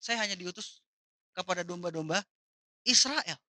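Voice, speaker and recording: A woman's voice: lowish voice, expressive, moderate pace, bright, forceful tone, no echo, voice pushed down. A woman preacher quoting a stern man who turns away a pleading woman, said firmly and dismissively. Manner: firm and dismissive.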